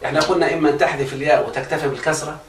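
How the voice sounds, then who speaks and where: In this religious grammar lesson, a man with an Egyptian Arabic accent races along in a slightly high, steady voice, repeatedly testing whether his students understand. A crowd can be heard behind him. The room is echoey, he's distant from the microphone, and there's faint noise.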